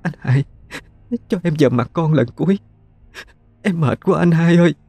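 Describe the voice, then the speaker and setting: A man's voice: unhurried, dark tone, breathy edge, soft background music. A man voicing a young woman in painful labor, pleading. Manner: pleading, high and fearful.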